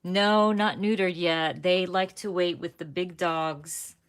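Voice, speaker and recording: A young woman with a low, deep-set voice talks casually to viewers while she crafts on a livestream. Her talk rambles and she keeps stopping to correct herself. It sounds like a relaxed live chat. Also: slow, smooth.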